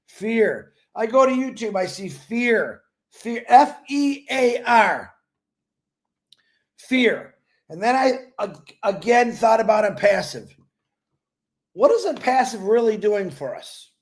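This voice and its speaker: A man with a very high voice hosts a casual motivational livestream. He rambles from point to point in an animated way and laughs often, speaking to his viewers as if they were friends on a live call. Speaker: livestream host.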